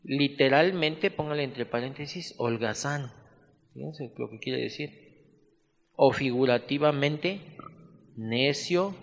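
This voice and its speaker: A man with a Mexican accent teaching a Bible study class, dictating notes slowly and adding casual asides. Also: medium pitch, creaky. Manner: slow, spelled-out dictation mixed with conversational asides. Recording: echoey hall reverb.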